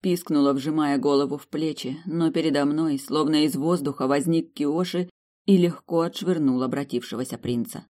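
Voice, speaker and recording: A woman's voice: sits low, normal speed. Woman narrating a first-person audiobook. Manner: lively, raises voice in dialogue.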